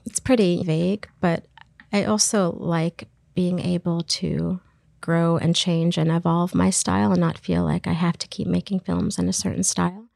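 A woman's voice: on the low side, fairly even intonation, moderate pace, gravelly, darkish tone, no room sound, studio quality. A woman filmmaker talking thoughtfully in an interview, searching for her words as she reflects on her work. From Iraq. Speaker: filmmaker guest.

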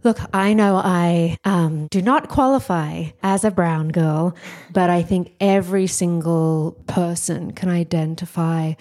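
Woman podcast host, real slow and mellow, thoughtful questions. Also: on the low side, steady tone. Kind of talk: interview conversation.

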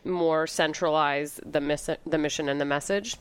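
A woman's voice: low-pitched, steady tone, moderate pace, smooth. A woman co-hosting a talk radio show, giving brief, friendly replies and asking questions. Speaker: radio co-host. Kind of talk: casual chat interview.

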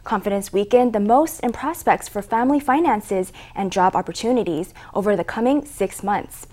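A woman's voice: medium pitch, normal speed, darkish tone. A woman presenter reading scripted news narration.

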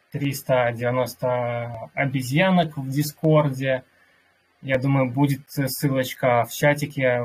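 A man with a slightly husky voice hosting an online workshop, addressing listeners in a courteous customer-service manner. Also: medium pitch, rough recording. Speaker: host of an online crypto community workshop. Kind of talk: polite announcing to online listeners.

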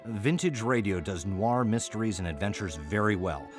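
Over music, an American audio theater host and artistic director speaks at a normal speed in a voice on the low side with lively intonation. He chats wryly and conversationally through his podcast's season introduction, adding playful asides along the way.

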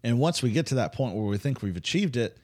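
A man's voice: mid-range voice, quick pace. A man co-hosting a faith podcast, casually retelling a Bible story with humor and acting out the characters. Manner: animated storyteller, acts out voices with humor.

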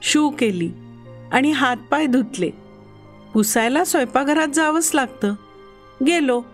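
Slow, high-voiced woman telling a children's story. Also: soft background music. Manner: expressive, childlike first-person telling. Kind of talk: first-person children's story narration.

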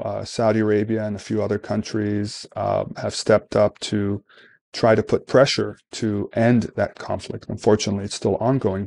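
A man from Sudan, a think-tank program director, answering interview questions in a measured, thoughtful way with frequent pauses and restarts. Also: on the low side, creaky, darkish tone. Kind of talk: conversational interview.

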